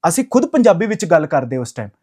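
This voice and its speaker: Lively young man. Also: fairly high pitch, brisk. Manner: emphatic, repetitive, mixing English phrases. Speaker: vlogger. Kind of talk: casual opinion rant to camera.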